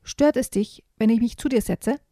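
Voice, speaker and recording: A woman's voice: moderate pace, dry recording, studio quality, lightly acted. Woman doing an eager squealing piglet child. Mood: friendly. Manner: high, eager, squealing excitement.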